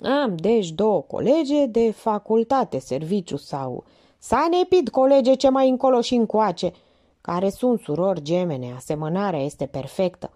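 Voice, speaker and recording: A woman's voice: medium pitch, big pitch swings, warm tone, natural voice. A woman voicing a flustered young male lieutenant in an audiobook, speaking hesitantly.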